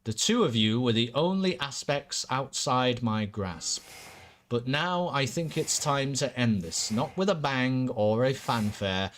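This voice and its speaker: A man's voice: medium pitch, lively intonation, a little slow, a bit bright. A man voicing a bored, haughty villainous lord in a video game, with a languid, pompous regency aristocrat manner. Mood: smug, menacing. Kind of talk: video game dialogue read aloud in character.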